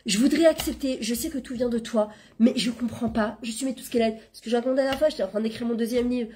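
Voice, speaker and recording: A middle-aged woman giving an informal religious lesson, talking in a lively, conversational way and dropping Hebrew terms into her French. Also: on the high side, quick pace, a little hiss or hum. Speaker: Torah class teacher and coach.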